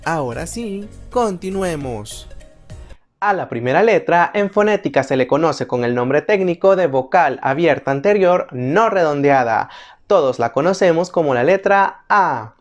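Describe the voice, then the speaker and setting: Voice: medium pitch, animated, soft background music. Patient teacher. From El Salvador. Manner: patient, methodical, repeats each example word slowly. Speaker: language teacher. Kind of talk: instructional video narration.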